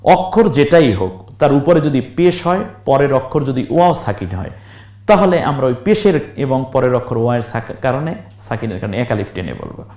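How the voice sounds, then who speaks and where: A very animated Quran reading teacher spells and chants words in a recorded lesson, drilling slowly syllable by syllable and asking viewers questions. His voice is mid-range and a little mellow, and the recording is reverberant.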